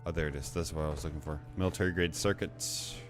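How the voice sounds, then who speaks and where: Low-voiced man giving casual game commentary. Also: fairly even intonation, quick pace, music in the background. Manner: rambling, self-correcting, chatty. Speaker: gaming video creator.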